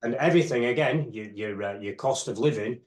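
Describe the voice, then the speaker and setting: This is a man in his fifties, a fitness expert appearing as a guest in an interview. He speaks in a reflective, unhurried way and often drifts into "you know" as he thinks aloud. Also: mid-range voice. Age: 50s. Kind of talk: casual interview chat.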